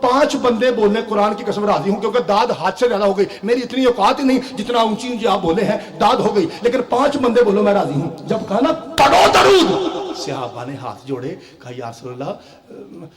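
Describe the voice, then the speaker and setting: A man's voice: high voice, brisk, hardly any pauses. A man from Pakistan giving a Shia majlis sermon, rousing and calling out directly to the crowd. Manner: rousing, addresses the crowd directly and calls out to them. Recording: echoey hall with crowd noise. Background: crowd responding.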